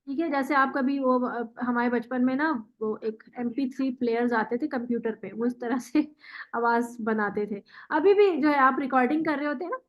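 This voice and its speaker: A woman teaching Quran recitation in an online class, patiently modelling words slowly and praising the student. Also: sits high, muffled recording. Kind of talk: online tajweed lesson.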